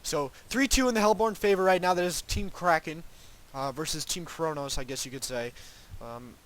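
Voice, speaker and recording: On a rough recording, a young man calls an esports match solo, play-by-play, his voice fairly high, fairly bright, and moderately paced. He has a cold and sounds congested. His casting meanders, hedged and broken up by frequent ums and restarts.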